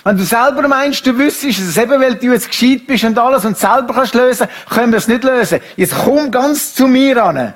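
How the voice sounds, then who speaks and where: Husky-voiced preacher. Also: male voice, very high-pitched, fast talker, hardly any pauses. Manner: shifts between quiet musing and raised emphatic speech. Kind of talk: sermon.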